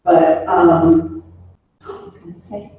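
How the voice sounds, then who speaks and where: At her parent's funeral, a daughter in her sixties reminisces slowly in a lowish voice with fairly even intonation. Her informal eulogy rambles through anecdotes and asides that trail away. Recorded from afar in a reverberant room, the audio comes across roomy, muffled, and faintly noisy.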